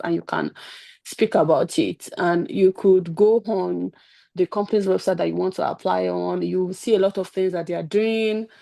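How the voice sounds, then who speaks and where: A woman's voice: on the low side, vocal fry, warm tone, no room sound. A woman giving casual, chatty advice on a webinar video call, full of "like" and "just". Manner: chatty, informal, lots of "like" and "just". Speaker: webinar speaker and past program participant.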